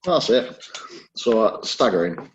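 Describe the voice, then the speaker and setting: A man's voice: on the low side, big pitch swings, slow, highs cut off, a little hiss or hum. A man co-hosting a podcast, chatting casually with dry, wry humor. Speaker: podcast co-host. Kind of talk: casual chat.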